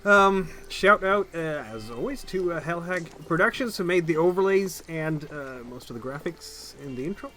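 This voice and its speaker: A man speaking as game master and host of a tabletop game stream, casual, with a hesitant, halting delivery. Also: fairly high pitch, animated, pushed and bright.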